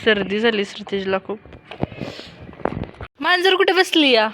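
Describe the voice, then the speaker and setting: Chatty young mom vlogging outdoors. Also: female voice, fairly high pitch, big pitch swings, a little slow. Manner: chatty, coaxing questions to a small child. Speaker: vlogger and mother. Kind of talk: casual home vlog, talking to camera and child. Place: outdoors on a rooftop terrace. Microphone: handheld phone camera. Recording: noisy outdoor phone audio.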